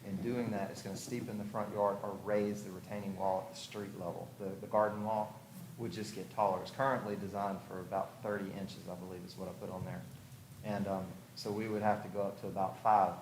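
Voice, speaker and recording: Speaking a little fast in a lowish, flat voice, this man is a house designer addressing a review commission at a public hearing. He explains things informally and conversationally, working out his thoughts aloud. Background noise is clearly audible in the echoey room.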